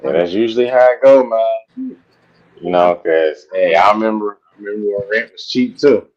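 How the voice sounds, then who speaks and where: A man in casual sports-show chat, laid-back and agreeable, quick to back others up. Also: on the low side, darkish tone. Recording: dull lo-fi mic.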